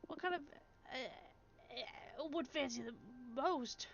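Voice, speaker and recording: Woman doing a shy spider witch girl, soft and hesitant, fairly high voice, muffled lo-fi sound, game music behind. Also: slow, vocal fry, slight background noise, exaggerated voice. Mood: nervous. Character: shy nervous young female spider witch. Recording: dull lo-fi stream audio with game music.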